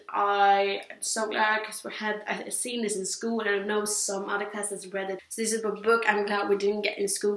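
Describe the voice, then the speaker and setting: In an echoey room, a young woman from Sweden shares her opinions on books in a relaxed vlog, her English halting, wandering and full of repetition. She is in her teens or young adulthood and Swedish is her native language. Her voice is mid-range and fairly bright.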